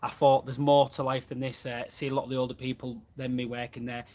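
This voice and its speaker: A man's voice: mid-range voice, little pitch movement, quick pace, darkish tone, slight background noise. A man, chatting casually about running his plumbing business in a live question and answer from his van. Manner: chatty and plain-spoken, reads out viewer comments. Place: inside a van.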